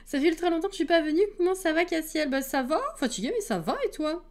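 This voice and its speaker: Talking fast, a slightly high-voiced woman casually addresses her live-stream audience, welcoming each viewer individually and laughing readily as she goes.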